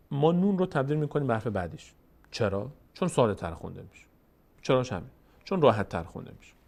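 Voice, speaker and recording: A man teaching Quran reading step by step. He is patient and repetitive, answers his own questions, and slowly stretches out sounds when demonstrating them. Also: medium pitch, darkish tone. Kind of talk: step-by-step recitation lesson.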